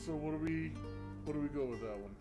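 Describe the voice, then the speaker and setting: A man's voice: fairly high pitch, fast talker. A man giving casual, jokey let's play commentary, thinking aloud as he goes. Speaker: co-op game show host. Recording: guitar game music behind the voice.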